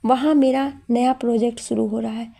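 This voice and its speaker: A woman's voice: on the high side, fairly even intonation, moderate pace, creaky, mellow. A woman voicing a cheerful young businessman in a story, teasing and playful in tone. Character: cheerful young man, joking uncle.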